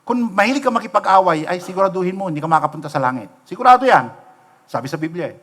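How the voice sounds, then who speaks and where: Middle-aged Filipino pastor, sermon delivery, fairly high pitch, conversational and questioning. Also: male voice, expressive, fast, a bit bright. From Philippines. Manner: storytelling, rhetorical questions, mixing in English. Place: church sanctuary, livestream.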